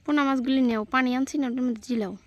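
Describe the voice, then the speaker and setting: A woman chatting casually in a vlog, calling out lively, bossy instructions to children. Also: sits high, very fast. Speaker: vlogger. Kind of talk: casual outdoor vlog chat. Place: outdoors, dry rural field.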